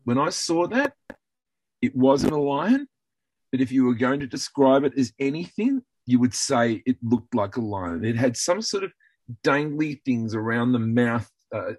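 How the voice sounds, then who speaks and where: Husky man telling an earnest story. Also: mid-range voice, no echo, poor audio. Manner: earnest storytelling with many restarts. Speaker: guest.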